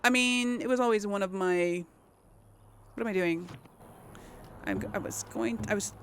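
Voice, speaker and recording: Her voice is clear and resonant, medium in pitch and steady in pace, as she chats casually through her gameplay for a let's play. Game music sits behind her speech.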